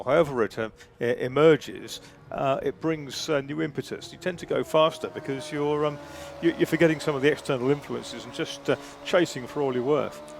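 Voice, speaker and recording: A man giving analytical motorsport commentary in a discursive way, hesitating as he chooses his words. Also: mid-range voice. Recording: clear background noise.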